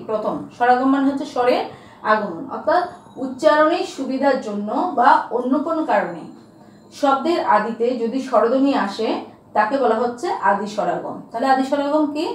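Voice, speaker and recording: High-voiced woman teacher in an echoey room. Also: animated, recorded from a distance. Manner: asks questions and answers them herself, repeats key terms slowly. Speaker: school teacher. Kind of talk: grammar lesson to students.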